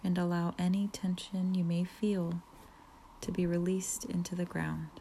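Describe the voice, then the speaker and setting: Slow soft-spoken woman guiding meditation. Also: on the low side, flat delivery, creaky, a little hiss or hum. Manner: slow, soft, partly whispered, soothing pauses. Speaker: meditation guide. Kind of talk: guided relaxation meditation.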